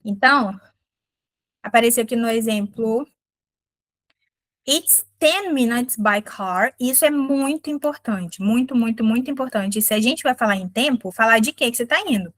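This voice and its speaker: A woman's voice: on the high side, a bit bright, dry recording. Brazilian woman teaching English, dry sound. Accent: Brazilian Portuguese. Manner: explains patiently, says English example phrases slowly and clearly. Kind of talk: online English lesson.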